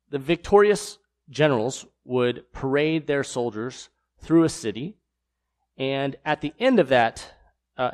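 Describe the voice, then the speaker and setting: Man teaching scripture, using fillers. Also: medium pitch. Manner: explains scripture, reads verses aloud, frequent fillers. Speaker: Bible teacher. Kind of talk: sermon.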